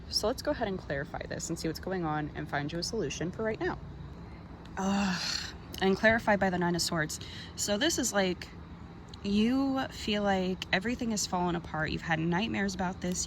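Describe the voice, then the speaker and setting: A woman with a slightly low voice and noticeable vocal fry talks a viewer through a tarot card reading. Her delivery is informal and conversational, sprinkled with slang. Clear background noise sits behind her voice.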